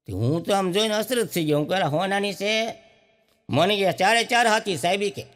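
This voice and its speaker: A man's voice: sits high, a little fast, a bit bright, in a large hall. A male stand-up comedian, telling folksy comic stories and acting out the characters in quoted dialogue. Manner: folksy storyteller who acts out each character in quoted dialogue. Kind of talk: comic storytelling.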